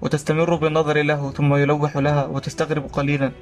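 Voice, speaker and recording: Brief: male narrator, fast, even delivery, slightly high voice, faint music behind. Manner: rapid, even reading. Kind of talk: scripted story narration.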